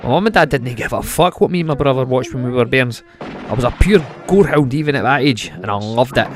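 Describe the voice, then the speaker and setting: A man's voice: medium pitch, expressive, quick pace, music in the background. A man in his thirties with a broad Scottish accent, telling stories casually in sweary, colloquial speech. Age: 30s. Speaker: video reviewer and vlogger. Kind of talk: casual anecdote and film chat.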